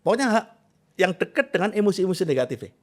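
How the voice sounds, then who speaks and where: A man's voice: high-pitched, fast talker. A middle-aged man, a coach who is a guest in an interview, telling personal stories expressively and listing points with emphasis. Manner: animated, expressive storyteller, emphatic lists. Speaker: guest, self transformation coach. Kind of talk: conversational interview, personal storytelling.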